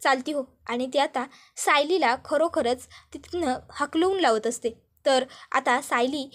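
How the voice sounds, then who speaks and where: A woman narrating a family drama recap with a high voice. She tells the story briskly, moving from scene to scene. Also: a bit bright.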